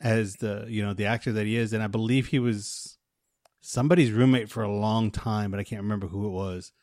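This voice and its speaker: A man's voice: on the low side, fairly even intonation, a little fast, a little mellow, no echo. Easygoing male podcast co-host, dry sound. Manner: easygoing, agreeable, trailing off. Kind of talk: casual movie podcast chat.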